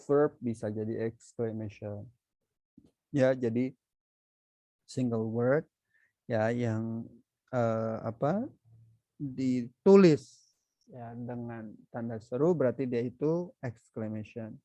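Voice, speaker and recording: A man teaching English grammar in a slow, deliberate lecture, often checking in with "ya" and "oke" and posing questions that he then answers himself. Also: mid-range voice, warm tone, no room sound, low-quality recording. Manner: poses questions to the viewer, then answers them.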